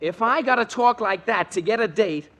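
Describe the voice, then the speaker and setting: Eager teen boy in an old radio sitcom, lively and bouncy, fairly high. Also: normal speed. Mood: scheming. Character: teenage boy Archie, eager, using slang. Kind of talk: 1940s radio acting.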